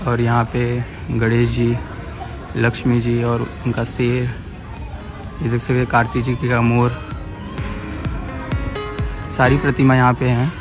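With music in the background, this young Varanasi-accented vlogger narrates a walkthrough of a city sports field outdoors, chatting and pointing things out on a phone held at arm's length. His medium-pitched delivery is completely flat, a little slow, and full of long pauses.

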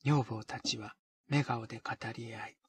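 A man reading a period novel aloud in a measured, deliberate way. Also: mid-range voice, steady tone, breathy edge, no room sound. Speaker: narrator. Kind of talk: scripted narration of a period novel.

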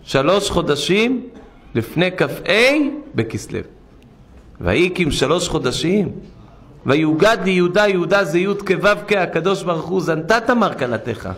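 A rabbi giving an impassioned sermon in a synagogue, firing rhetorical questions and dropping low to tell a parable. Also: male voice, lively intonation, a bit bright. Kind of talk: weekly Torah portion sermon.

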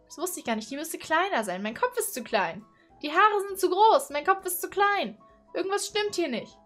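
A woman's voice: very high-pitched, big pitch swings, normal speed, fairly bright tone, faint music behind. A woman of twenty-one, chatty and playful, commenting casually from a small bedroom into a condenser mic. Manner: chatty, playful, exclaims and giggles. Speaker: YouTuber. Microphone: studio condenser mic on boom arm.

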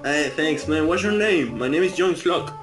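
Chilean guy on video chat, spanish native, friendly, a bit high voice, music faint. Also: animated. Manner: friendly, halting English. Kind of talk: casual chat.

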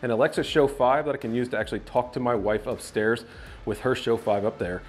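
Brisk and medium-pitched, a man in his thirties who reviews tech takes viewers through his basement rooms in a laid-back home tour. He stays upbeat, gesturing as he walks and speaks to camera, wearing a clip-on lapel mic.

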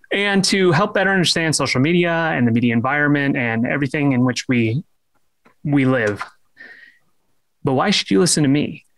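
A young man leads a casual online talk from his computer, his voice sitting a touch high. He hesitates, restarts his sentences and fills pauses with "uh" and "like". Now and then he slips in a dry joke at his own expense. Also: a bit bright. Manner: halting, many fillers and restarts; self-deprecating humor. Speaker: presenter.

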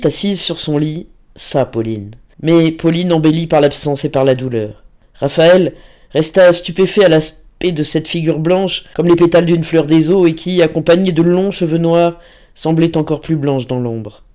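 A man reading a classic novel aloud as an audiobook narrator, measured and expressive. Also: a little high.

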